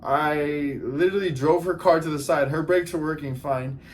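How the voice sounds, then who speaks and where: A man's voice: a little high, normal speed, a little hiss or hum. Earnest man telling a storytime vlog. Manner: animated retelling, acts out dialogue; earnest, addresses viewers directly. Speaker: vlogger.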